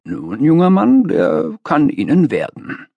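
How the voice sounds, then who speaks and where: A man voicing a successful, cynical older master who lectures a young man in a patronizing, measured way in an audiobook reading. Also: on the high side, huge pitch swings, gravelly, husky, no echo, phone-quality sound, pitched above the performer's own voice, full character voice.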